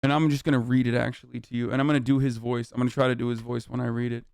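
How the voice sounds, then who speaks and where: A man's voice: mid-range voice, level tone, racing, vocal fry, darkish tone, smooth, no room sound, clean studio sound. A man in his thirties ranting on a livestream, sarcastic, heated and full of swearing. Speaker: streamer. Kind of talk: livestream reaction rant.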